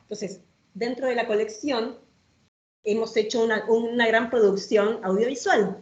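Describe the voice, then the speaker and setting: A woman's voice: a little high, steady tone, measured pace. A middle-aged woman, presenting a children's book collection in an enthusiastic, explanatory way. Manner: enthusiastic, explanatory, with frequent fillers. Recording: dull, echoey room sound.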